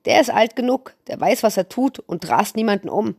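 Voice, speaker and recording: A woman's voice: on the high side, animated, normal speed, darkish tone, slightly rough, dry recording, studio quality, pitched above the performer's own voice. A woman voicing a cheeky old grandma with huge glasses and a scratchy voice, in a read-aloud storybook. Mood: scolding, impish.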